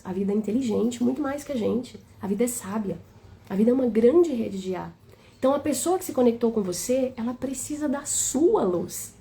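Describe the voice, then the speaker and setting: A woman's voice: a little high, vocal fry, dark tone. A woman with a Brazilian Portuguese accent giving a tender, flowing spiritual talk on a live stream, often asking "né?".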